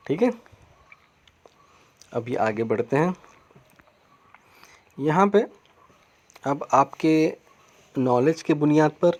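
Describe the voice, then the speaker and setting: A man's voice: mid-range voice, darkish tone. A male school teacher with an Indian English accent, explaining grammar patiently and repeating key words. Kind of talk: recorded grammar lesson over slides.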